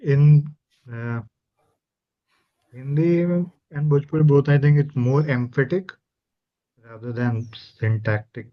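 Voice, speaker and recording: A man's voice: mid-range voice, slow pace, long pauses. A man presenting research and answering questions on a dull, lo-fi online call.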